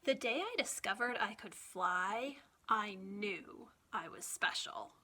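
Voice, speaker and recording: A woman children's librarian reads a picture book aloud for young listeners, expressive and deliberate in a storytime style. Her voice is medium-pitched, with a slight hiss or hum.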